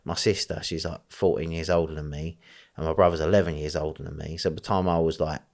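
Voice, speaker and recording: A man with a strong East London accent talks as an interview guest, his voice sitting very low. He rambles, fills pauses with ums and you-knows, and laughs easily as he goes. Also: flat delivery, a little mellow. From East End of London, England. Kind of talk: conversational interview.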